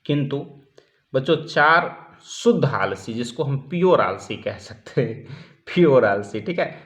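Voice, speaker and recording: A man's voice: mid-range voice, animated, unhurried, a bit bright. A male teacher giving a lecture, explaining step by step, asking questions and answering them himself, and often checking in with his students. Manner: keeps checking in with the class. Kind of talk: classroom lecture explaining a text. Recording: dull lo-fi recording.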